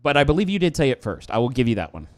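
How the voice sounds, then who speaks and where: A man's voice: medium pitch, big pitch swings, racing. A man co-hosting a casual live-stream podcast, joking and laughing easily while watching wrestling. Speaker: podcast co-host.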